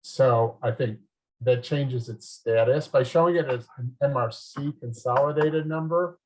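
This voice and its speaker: A man's voice: medium pitch, unhurried, a little mellow, slight background noise. Man with garbled, muffled call audio. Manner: hesitant, with frequent "uh" and restarts. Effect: garbled, muffled video-call audio. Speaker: finance committee member. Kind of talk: remote business meeting discussion. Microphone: video call.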